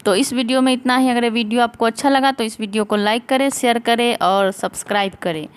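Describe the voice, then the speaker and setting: A woman teacher talking through exam answers step by step, dictating each answer slowly and spelling words out letter by letter into a close voice-over mic. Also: on the high side, fairly even intonation, clean tone.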